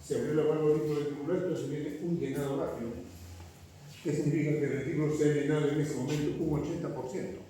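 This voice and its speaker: A man's voice: a little high, fast, dark tone, a little hiss or hum. A man lecturing a class, questioning his students rhetorically and checking in with frequent "right?" tags. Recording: echoey classroom recorded from far off.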